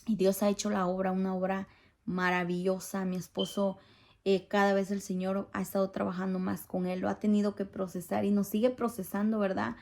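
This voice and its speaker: Earnest woman giving church testimony, gravelly edge. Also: mid-range voice, little pitch movement, a little fast, darkish tone. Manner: earnest, pleading, asks listeners for agreement. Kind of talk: spoken testimony to a congregation.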